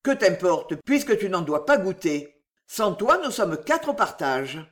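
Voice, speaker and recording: Storybook cat, voiced by the narrator: smug, curt, teasing, lively pitch. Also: unhurried. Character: smug, wary male cat.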